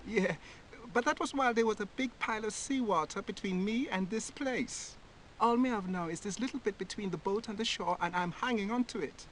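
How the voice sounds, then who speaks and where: A man's voice: high voice, fairly quick, fairly bright tone, rough recording. An actor playing a laid-back but wary island boatman in a video game, talking with an easygoing drawl. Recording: game audio with faint music.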